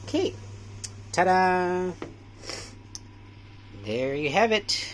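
A young man chatting casually through a cooking demonstration in a small home kitchen, relaxed and full of fillers. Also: high-pitched, extremely slow, a little hiss or hum. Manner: relaxed, hesitant, many fillers. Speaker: cooking vlogger.

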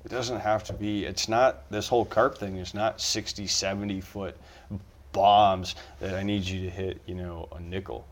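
A man's voice: low-pitched, fairly even intonation, normal speed. A middle-aged man, a fishing guide, talking casually on a podcast, rambling with many restarts.

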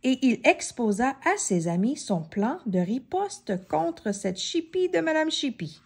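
A woman reading a children's story aloud, slowly and expressively, giving each character a voice. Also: high voice. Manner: expressive, slow and clear, voicing many characters.

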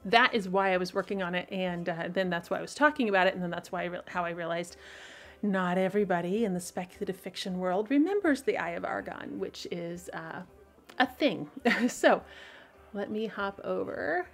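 A woman with a somewhat low voice hosts her own livestream, chatting loosely with viewers. She rambles through fillers and restarts, often breaking into laughter. Faint music sits quietly under her voice. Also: normal speed. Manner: laughs often between thoughts. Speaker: author hosting a weekly livestream show. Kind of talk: casual livestream talk to viewers.

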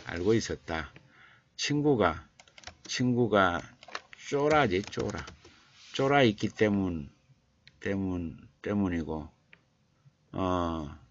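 A man's voice: low-pitched, dull audio. A male writing instructor reading a viewer's essay aloud on a live stream, repeating phrases and adding murmured "yes" asides as he edits. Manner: slow halting reading, repeating phrases while editing.

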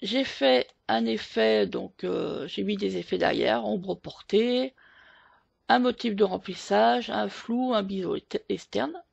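A woman hosting a photo editing tutorial, explaining each step slowly with hesitant fillers. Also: mid-range voice, creaky, husky, dry recording, dull audio. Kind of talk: screen-recorded software tutorial.

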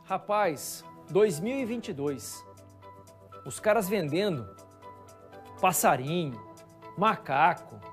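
A man's voice: high-pitched, expressive, slow, long pauses. A Brazilian man anchoring the news in a studio, talking loosely and indignantly. He throws out rhetorical questions, and faint music plays behind him. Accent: Brazilian Portuguese. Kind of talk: opinionated studio news commentary.

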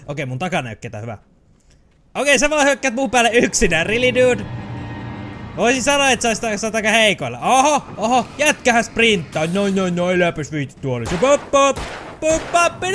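An excitable young man commenting on a video game as he plays it, joking and shouting at what happens on screen. His voice sits a bit high and leaps up and down a lot. Faint game sounds play behind him. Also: slight background noise. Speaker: let's play host. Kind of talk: casual gameplay commentary.

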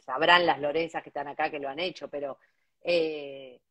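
A woman with an Argentine Spanish accent co-hosting a casual live stream, chiming in with quick interjections and crude comparisons. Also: low voice, fairly even intonation, bright, forceful tone, muffled recording. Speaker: podcast co-host. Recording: noisy live stream audio.

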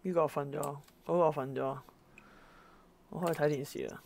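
A woman narrates her own gameplay, her voice sitting a little low. She talks in an exasperated, exclaiming way, scolding the characters on screen as she plays. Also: fairly even intonation, moderate pace, creaky, a little mellow, no echo. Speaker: gameplay commentator. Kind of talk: let's-play commentary.

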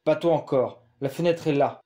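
A protective young boy pushes his brother to flee, urgent and coaxing, as a male narrator voices him. The pitch sits a little raised and the timbre is mellow. It is a storybook audiobook voice. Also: normal speed, lightly acted.

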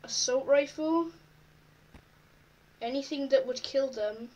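A woman with a high voice chats casually through an online quiz, reading each question aloud and answering offhand. She sits a little back from the microphone, so her voice carries some distance. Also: takes it slowly, darkish tone, muffled recording. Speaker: vlogger. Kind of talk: casual chat while taking an online quiz.

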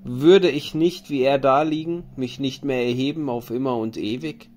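A man's voice: medium pitch, normal speed, darkish tone, natural voice. A man reading a grieving hero king. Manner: solemn, lamenting recitation. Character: grieving male hero king, weary wanderer.

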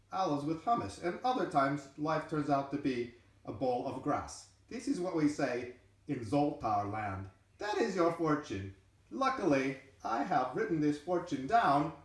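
A man voicing a grandiose, greedy male fortune-telling machine that announces itself with self-important flourish. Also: a little high. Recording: very echoey room, from a distance.

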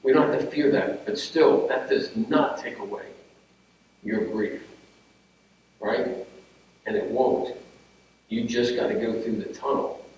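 A man's voice: mid-range voice, measured pace, pauses often, darkish tone. A man officiating a funeral, preaching a sermon in an earnest, conversational way with restarts. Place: funeral home chapel. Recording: very echoey hall, heard from a distance, faint room hum.

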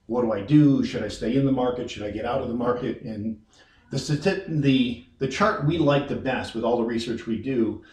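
A man's voice: mid-range voice, moderate pace, darkish tone. A middle-aged man from Western New York, president of a financial firm, talking plainly and reassuringly to clients from a conference room. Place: wood-paneled conference room. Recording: roomy echo from far off.

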